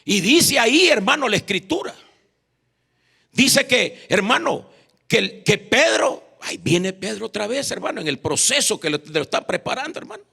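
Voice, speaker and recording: Bright, gravelly Honduran evangelist. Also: male voice, high voice, sing-song, normal speed. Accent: Honduran Spanish. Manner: repeats "hermano" constantly, calls for responses. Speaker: evangelist preacher. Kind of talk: sermon. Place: church.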